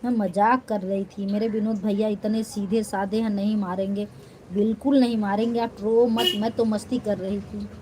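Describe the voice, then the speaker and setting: A woman's voice: medium pitch, steady tone, normal speed, a crowd in the background, poor audio. A young woman hosting a casual live stream on her phone, reading comments aloud and teasing her viewers playfully. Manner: teasing, playful, laughing often.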